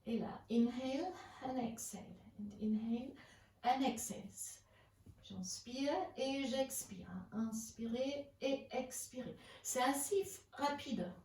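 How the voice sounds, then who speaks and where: A woman leading a pilates class, calmly counting reps and giving breathing cues. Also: high-pitched, slow. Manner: calm counting and breath cues, mixing in English phrases. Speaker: pilates instructor. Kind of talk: guided workout instruction. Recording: roomy, mic at a distance, faint background hiss.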